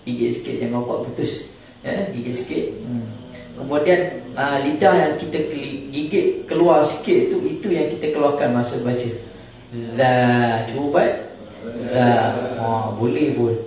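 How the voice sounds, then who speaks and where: A man's voice: medium pitch, a little mellow, slight background noise. Man, recitation teacher, chanted examples, heavy hall echo, distant mic. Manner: explains slowly, chants verses, tells jokey anecdotes. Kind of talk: tajwid class with recited examples. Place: large echoing prayer hall.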